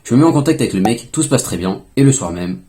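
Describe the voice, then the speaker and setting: A young man casually telling a story to his vlog audience, chatty, with quick asides to himself. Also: mid-range voice, animated, background noise. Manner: fast, chatty, self-talk asides. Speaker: fingerboard YouTuber.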